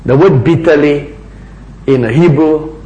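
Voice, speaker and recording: A man preaching a sermon in a slow, dramatic way, sometimes dropping almost to a whisper for emphasis. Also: mellow, lo-fi sound. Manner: slow, dramatic delivery with big pitch swings, dropping to near-whispers for emphasis.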